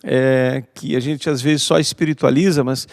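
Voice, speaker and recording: A Brazilian pastor hosts a church podcast, steering the conversation with short affirming remarks. His voice is mid-pitched for a man and sounds close and dry, with no room echo. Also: fairly even intonation, moderate pace, darkish tone. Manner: brief affirmations, leads the talk.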